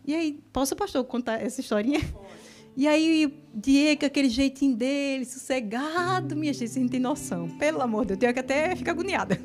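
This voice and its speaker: High-voiced woman preaching. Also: a little fast, soft background music. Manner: animated, preaching fervently then telling a story conversationally. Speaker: minister. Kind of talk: sermon with storytelling. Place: church.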